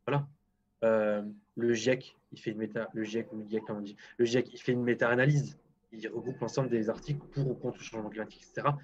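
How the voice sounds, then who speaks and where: A man's voice: medium pitch, breathy edge, dull audio. A man with a French accent, guest agroclimatologist on a live stream, talking bluntly and often restarting sentences. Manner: blunt, self-deprecating, lots of restarts.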